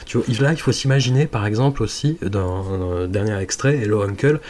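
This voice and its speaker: A man's voice: lowish voice, fairly quick, a little mellow. A man co-hosting a casual film podcast, rambling with many hesitations and restarts. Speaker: podcast co-host.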